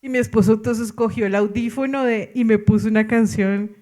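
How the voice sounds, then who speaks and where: A middle-aged woman pastor with a Colombian accent, telling a story in a sermon, animated and laughing with exclamations. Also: on the high side, fairly quick.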